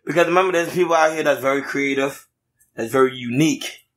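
A man co-hosting a casual podcast with a slightly higher pitch than most men. He keeps backing his partner up and then slides into motivational advice. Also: fast talker, fairly bright tone. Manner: affirming, says "facts" often, motivational. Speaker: podcast co-host. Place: podcast studio in Florida.

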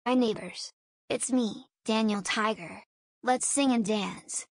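A woman's voice: a little high, slow pace, no echo, studio quality, voice pushed up. Daniel Tiger, a woman doing a sweet cartoon tiger boy.

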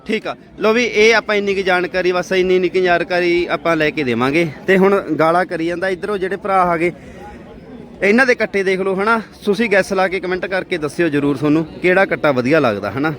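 High-voiced Punjabi man hosting outdoors. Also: fairly quick, a bit bright. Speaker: livestock show video host interviewing farmers. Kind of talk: casual on-the-spot vlog commentary and interviewing. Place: outdoors at a livestock fair. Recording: outdoor event, crowd and street noise behind.

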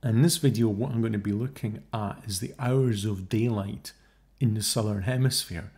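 A man with a lowish, slightly mellow voice talks at a normal speed as he narrates his own screen-share video. He works through the figures while thinking aloud, tossing in scornful, mocking asides about the theory he's debunking, all in a casual commentary style.

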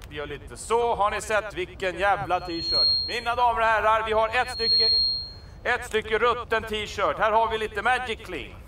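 Brash, swearing male braggart and huckster, brassy and loud. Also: sits high, distant mic, a little hiss or hum. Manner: swears constantly, brash and boastful. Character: crude boastful male wannabe musician and salesman. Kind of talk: sketch comedy acting.

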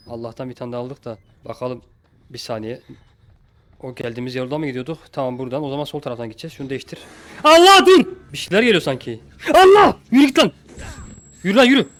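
A man doing a let's play commentary of a horror game, swinging between frantic yelling at pursuers and quiet muttering. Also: mid-range voice. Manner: frantic shouting at pursuers, then calm muttering. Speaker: gameplay streamer.

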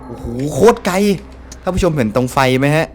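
A man's voice: a little high, expressive, brisk, a little mellow, a little hiss or hum. Jumpy Thai-speaking male gamer. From Thailand. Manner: jumpy, swears, exclaims often. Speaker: gameplay streamer. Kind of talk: horror game let's play commentary.

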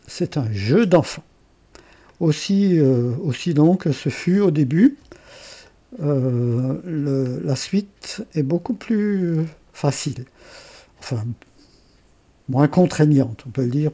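Alsatian man, tutorial host, fairly high voice, rough husky tone, chatty self-correcting asides. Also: warm tone. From Alsace. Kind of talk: screen-recorded software tutorial.

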